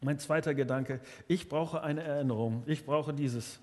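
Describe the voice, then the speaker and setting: A man's voice: fairly high pitch, moderate pace, big-room sound. A man preaching a sermon earnestly, often restarting and repeating his words. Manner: earnest, many restarts and repetitions.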